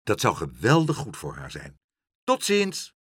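A cheerful family doctor in a rush, his husky voice bouncing with life, as a man acts him out. He sounds friendly and always about to leave. Dry close sound. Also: lowish voice, wildly swooping pitch, no room sound, heavily acted. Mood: jovial. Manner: jovial and rushed.

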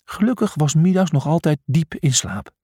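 A man reading a children's storybook aloud with expressive scripted narration. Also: a little high, normal speed, husky, no echo, clean studio sound. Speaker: audiobook narrator.

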